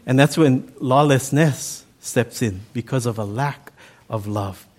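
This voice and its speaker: Here a Hawaiian pastor in middle age, whose first language is Pidgin, delivers a sermon with a Hawaiian accent. His voice is medium in pitch and a little slow, and his style is easygoing, conversational and folksy.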